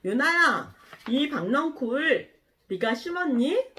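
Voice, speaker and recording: A woman voicing God in a children's Bible story, speaking gently and patiently to a prophet. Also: sits high, very animated, takes it slowly, slight background noise, full character voice. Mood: gentle. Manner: gentle, explaining, coaxing.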